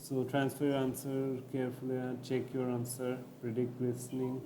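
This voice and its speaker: A man's voice: mid-range voice, monotone, drawn-out words, heavy background noise. A man giving a casual IELTS tutoring lecture, mixing English tips into loose, chatty explanations with many fillers.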